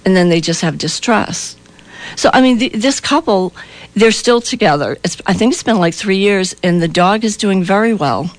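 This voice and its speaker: A woman's voice: medium pitch, expressive, moderate pace, dry recording. A woman guest on a radio show, an animal communicator telling an emotional story in an emphatic, earnest way.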